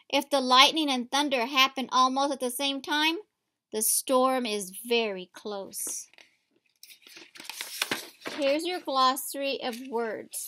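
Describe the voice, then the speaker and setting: A woman teacher's high voice comes across bright and forceful as she reads from a picture book at a table indoors. She is giving young children a storybook lesson, instructing them and asking them questions directly.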